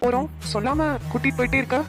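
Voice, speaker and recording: A man acting a caring, protective young man in a short family drama, giving firm advice and speaking gently to loved ones. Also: extremely high pitch, steady tone, fast talker, music in the background. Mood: affectionate. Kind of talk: Tamil short-film dialogue acting.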